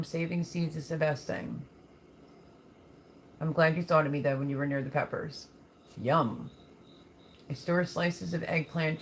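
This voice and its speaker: A woman hosts a casual livestream, reading viewer comments and responding in a folksy, affectionate manner. Her voice is low-pitched with a fairly bright tone, and there's a little hiss or hum.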